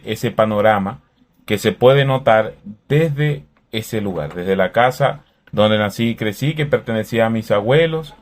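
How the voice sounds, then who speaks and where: A man talks through faith questions in a calm, reflective way. His voice sits at an everyday middle pitch, and he speaks conversationally, like a host sharing ideas with his viewers. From Venezuela.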